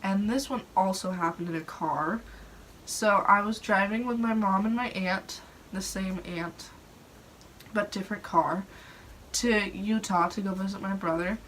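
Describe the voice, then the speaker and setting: In an unhurried way, a young adult woman with a mid-range, a bit bright voice chats and rambles through stories from her life, saying "like" all the time. She's the storyteller host, and the rough recording comes from a phone propped on a dresser, with clear background noise.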